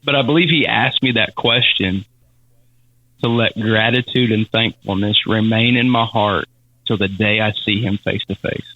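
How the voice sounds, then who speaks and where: Low-voiced man sharing a faith testimony. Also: fairly even intonation, phone-quality sound. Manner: halting, repeats words, Southern-style casual phrasing. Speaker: podcast guest. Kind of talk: emotional personal testimony.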